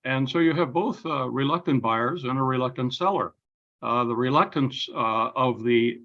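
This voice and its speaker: Analytical man on a muffled call. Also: medium pitch. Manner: measured, analytical, with frequent restarts. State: throat irritated by smoke. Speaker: panelist. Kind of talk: policy panel discussion. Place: home in Vancouver.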